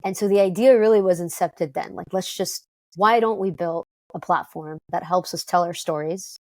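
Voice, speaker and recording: Woman guest, lowish voice, dry close sound, chatty and upbeat. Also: no room sound. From Detroit, United States. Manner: upbeat, fast-talking, frequent fillers and restarts. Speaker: guest, company co-founder. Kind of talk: conversational interview.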